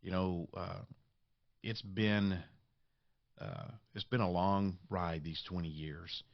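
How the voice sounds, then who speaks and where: A deep-voiced man delivers a podcast monologue in a dry, close sound. His voice is raspy and congested, as if under the weather. He phrases things with deliberate drama. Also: lively intonation, no echo, dull audio. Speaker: podcast host.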